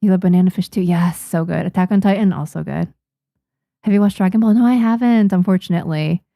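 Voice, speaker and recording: A young woman from Japan, a native Japanese speaker and manga artist, streams casually, reading viewer comments at a quick pace with many restarts and little laughs. Her voice is low-leaning, creaky and warm, recorded at studio quality with no echo.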